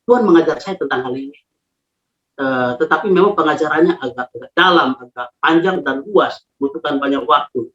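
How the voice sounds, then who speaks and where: A male pastor preaching with emphatic, dramatic storytelling in a high voice. The sound is dull and lo-fi, with the echo of a small room around it. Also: a bit bright. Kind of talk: sermon. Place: his own room. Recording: echoey, dull lo-fi room recording.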